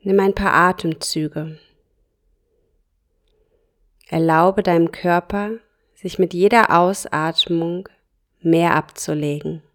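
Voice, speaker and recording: In a soft, calm, fairly low voice, a woman guides a yoga nidra meditation. She speaks very slowly, offering short phrases separated by long pauses.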